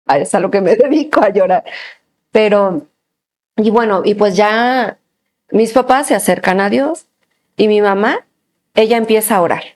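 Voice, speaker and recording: A woman gives a personal faith testimony as an interview guest, a lively storyteller who laughs often and fills her talk with little pauses. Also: medium pitch.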